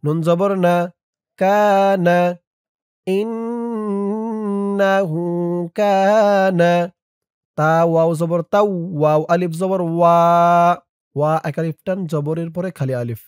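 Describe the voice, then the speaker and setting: A man teaching Quran reading, spelling each word out letter by letter and then reciting it in a slow, drawn-out melodic chant. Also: high-pitched, steady tone, darkish tone, clear, resonant tone, no room sound, studio quality. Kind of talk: spelling out and slowly reciting a short surah.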